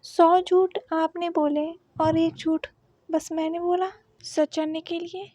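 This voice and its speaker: A woman's voice: very high voice, little pitch movement, slow pace, dark tone, dry recording. Woman voicing a cool, composed male president. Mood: calm.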